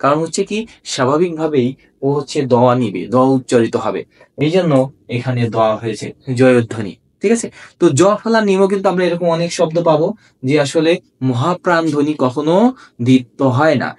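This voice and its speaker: A man's voice: on the high side, expressive, brisk, a little mellow. A man with a Bangladeshi accent teaching a grammar lesson, explaining step by step and asking students questions before answering them himself. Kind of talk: classroom lesson.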